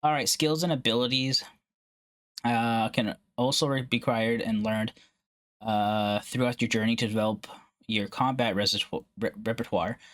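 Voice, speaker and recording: A man's voice: medium pitch, fairly even intonation, a bit bright. Man stumbling through a read-aloud. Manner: halting reading with frequent uhs and self-corrections. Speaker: gaming channel host. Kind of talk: reading an article aloud and reacting.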